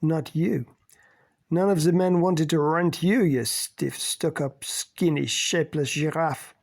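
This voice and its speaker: A man voicing Pascal, a sharp-tongued, flirtatious woman who mocks and cuts with cool scorn, in an audiobook. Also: on the high side, takes it slowly, vocal fry, full character voice. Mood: cold, scornful. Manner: mocking, cutting.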